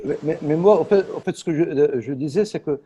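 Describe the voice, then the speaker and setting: A man's voice: fairly high pitch, a little fast, dark tone, a little hiss or hum. A man speaking as a guest in an online panel over a video call, arguing with conviction and stammering through restarts. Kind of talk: impassioned conversational argument.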